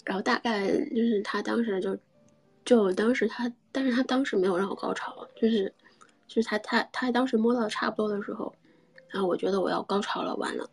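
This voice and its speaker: Young woman telling her own story, husky and a bit gravelly, soft half-whisper, lots of restarts. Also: mid-range voice. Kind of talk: intimate personal storytelling.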